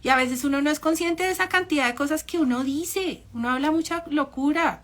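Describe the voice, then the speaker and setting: A woman's voice: high voice, a little fast, a bit bright. A woman giving an informal, conversational talk on narcissistic parents, often ironic and acting out the voices she quotes. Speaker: psychology speaker.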